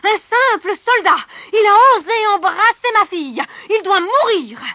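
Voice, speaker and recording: Lady doing a raging old king, yells, high and sharp, storybook voice. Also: expressive, unhurried, no room sound, full character voice. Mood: furious. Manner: shouting angrily. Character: old male king, furious and proud.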